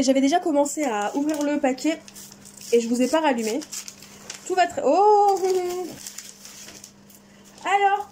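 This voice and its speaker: High-voiced enthusiastic woman. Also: mellow. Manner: enthusiastic, chatty, exclaims often. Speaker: crafting vlogger. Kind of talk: casual unboxing chat.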